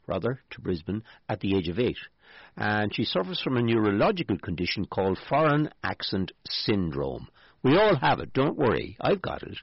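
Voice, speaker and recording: A man's voice: sits low, breathy edge, no room sound, lo-fi sound. A man hosting a radio show, reading a news story aloud in casual chat with wry asides. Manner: wry asides, lively intonation. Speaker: radio host.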